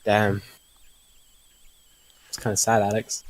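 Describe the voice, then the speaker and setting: A man's voice: fairly low pitch, completely flat delivery, slow pace. A young man co-hosting a podcast, chatting casually and needling his friends with teasing banter. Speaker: podcast co-host. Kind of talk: casual chat.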